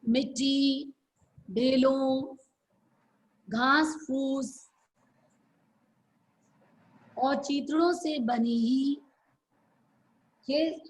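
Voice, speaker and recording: Woman teacher on a video call, high pitch, slow dictation with repeated phrases. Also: steady tone, rough recording. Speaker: school teacher. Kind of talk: dictating answers in an online class.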